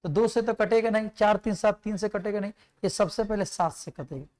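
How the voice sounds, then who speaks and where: A man's voice: high voice, a little fast, darkish tone. Methodical male math teacher. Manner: explains step by step, asks and answers his own questions; recites numbers and multiplication tables aloud. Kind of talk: exam-prep math lesson.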